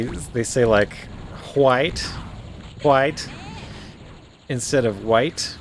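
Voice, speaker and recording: A man's voice: mid-range voice, slight background noise. A man with an Ontario Canadian accent, chatting casually and rambling while he streams a game. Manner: rambling, musing, many fillers and restarts. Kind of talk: casual commentary while playing. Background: faint game music.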